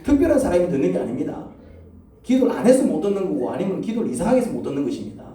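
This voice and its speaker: A man preaches a sermon to his congregation, tossing out questions and pausing for answers. His voice sits a little high but sounds dark and mellow. It comes from across a very echoey church sanctuary with a faint hum behind it. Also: sing-song, far from the mic. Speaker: pastor.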